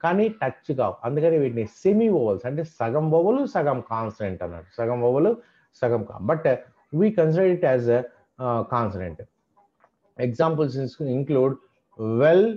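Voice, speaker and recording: Lo-fi online lecture by a male teacher. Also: mid-range voice. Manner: explains in English then restates in Telugu; drills sounds and example words one by one. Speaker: English teacher. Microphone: computer mic on video call. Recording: dull lo-fi video call audio.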